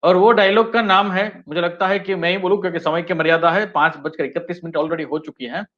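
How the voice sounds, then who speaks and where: A man runs a live online training session for teachers, talking to his audience as friends and moving between Hindi and English. His voice sits fairly high for a man, and his loudness keeps rising and falling. The audio is dull and lo-fi, like a computer mic on a webinar. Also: a little fast. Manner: addresses listeners as friends, often repeating "yes friends"; lively, varied delivery with frequent shifts in loudness.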